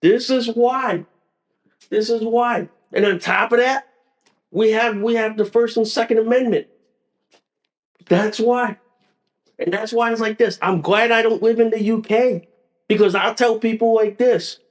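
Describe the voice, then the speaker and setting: A man's voice: sits high, unhurried, pauses often. A man hosting a solo podcast, ranting angrily with profanity and frequent stumbling restarts. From United States. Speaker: podcast host. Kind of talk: solo political rant.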